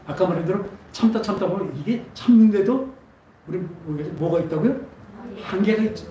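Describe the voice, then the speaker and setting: Animated and at normal speed, this pastor's high-pitched yet dark voice fills a church sanctuary as he questions his congregation again and again during a Sunday sermon. It was recorded from far off in the echoey hall, with slight background noise.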